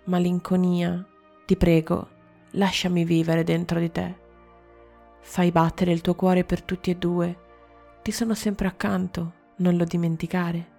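A woman voicing the loving spirit of a prince's wife in a storybook, speaking tenderly and gently. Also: on the low side, flat delivery, unhurried, creaky, soft background music. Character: loving ghostly wife made of light.

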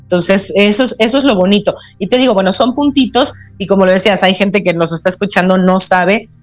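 A woman with a Mexican Spanish accent, an acupuncturist who is a guest on a radio talk show, explaining in an earnest, gently spiritual way. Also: medium pitch, a little fast, no echo, soft background music. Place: radio studio.

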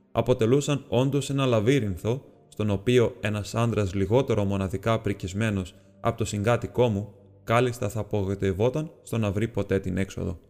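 A man narrating an audiobook in a steady, measured storytelling manner. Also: fairly low pitch, in a large hall. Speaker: audiobook reader.

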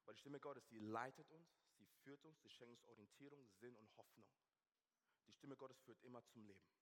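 A man preaching a sermon, shifting from hushed intensity to loud, animated storytelling. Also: medium pitch, normal speed. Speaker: pastor. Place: church hall. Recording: long church hall reverb.

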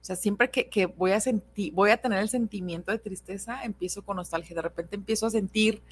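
A woman's voice: medium pitch, a little fast, husky. A young adult woman with a Mexican accent, chatting expressively and openly about her feelings on a radio show. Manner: chatty, expressive, laughs easily. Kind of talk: casual radio chat.

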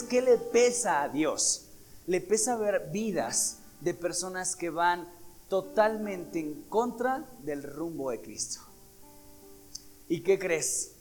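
A man's voice: sits high, a little mellow. A man preaching a sermon, emphatic and asking the congregation questions. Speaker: pastor.

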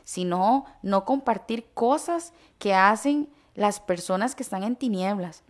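Woman, casual faith discussion, calm explainer who lists points in order. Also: mid-range voice, unhurried.

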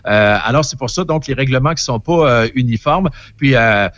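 A man with a Québécois French accent talks through his entertainment column in a loose, chatty way, full of opinions and side remarks. His voice is recorded dry and a little dull, like lo-fi broadcast audio, with a mid-range pitch. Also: expressive, normal speed, fairly bright tone, dry recording. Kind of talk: casual radio chat.

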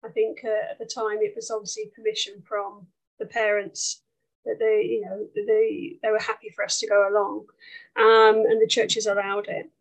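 A woman's voice: medium pitch, completely flat delivery, moderate pace, rough recording. A woman with an Essex accent from England, chatting about her life as an interview guest. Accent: Essex English. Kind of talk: conversational life story.

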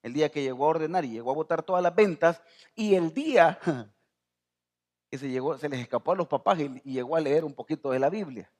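A middle-aged man from El Salvador with a Salvadoran accent, preaching a sermon as pastor, rising to near-shouting and calling out to the congregation. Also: a little high, a little fast. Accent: Salvadoran Spanish.

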